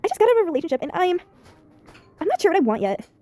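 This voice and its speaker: A woman's voice: extremely high pitch, very animated, racing, dark tone, no echo, pitched above the performer's own voice. A woman voicing a breezy young city influencer in a story game, a little unsure of herself.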